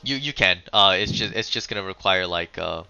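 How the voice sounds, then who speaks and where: A man runs a tabletop game, narrating scenes and rules in a halting way that keeps doubling back on words. His voice is low and very bright, with a forceful edge. Faint music plays underneath. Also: vocal fry, smooth, no echo, lo-fi sound. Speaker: game master.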